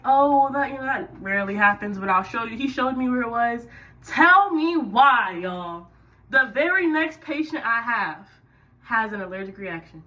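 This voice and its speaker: Woman storyteller, casual, lively, sits back from the mic, voice on the higher side. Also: distant mic, poor audio. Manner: chatty and animated, with sudden loud bursts. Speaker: radiology tech telling a work story. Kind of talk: casual storytime while doing hair.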